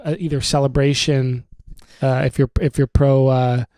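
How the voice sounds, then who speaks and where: A man's voice: medium pitch, level tone, normal speed, a little mellow, smooth, dry recording, clean studio sound. A man in his twenties hosting a casual home podcast, rambling and joking with lots of fillers. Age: 20s. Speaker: podcast host. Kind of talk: casual chat. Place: room at home.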